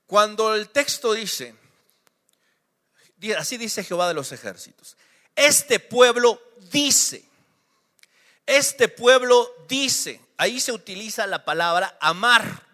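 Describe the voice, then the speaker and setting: A man's voice: high-pitched, sharp tone, big-room sound. A man with a Mexican accent, a pastor preaching a sermon with emphatic rhetorical questions.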